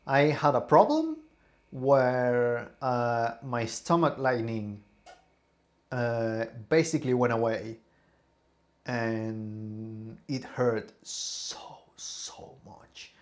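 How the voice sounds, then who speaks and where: Slow-talking tipsy young man. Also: medium pitch, expressive, a little mellow. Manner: rambling, halting, repeats words. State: tipsy and queasy. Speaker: streamer. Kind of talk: casual vlog, taste testing.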